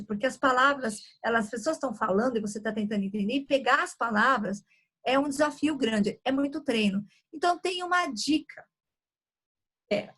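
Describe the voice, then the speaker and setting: Woman teaching a communication class, kinda breathy, keeps checking in with the group. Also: high-pitched, fairly bright tone. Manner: instructive, frequent "tá?" check-ins. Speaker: communication trainer. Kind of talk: live online workshop.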